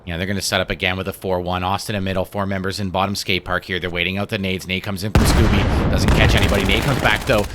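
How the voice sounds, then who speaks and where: A man with a fairly low voice provides tactical live esports commentary. His calls are measured and clipped, and very loud game gunfire rattles behind him. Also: level tone, very noisy. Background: loud video game gunfire.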